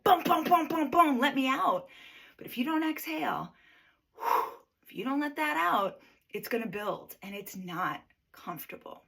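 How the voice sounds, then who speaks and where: A woman teaching a guided breathing lesson in a relaxed, conversational way, often checking in with the listener. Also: fairly high pitch, slightly rough. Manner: conversational, coaching, checks in with "right?".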